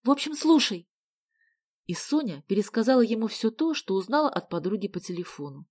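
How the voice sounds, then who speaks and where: A woman narrating a children's story in an expressive way. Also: medium pitch, fast. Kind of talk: audiobook narration.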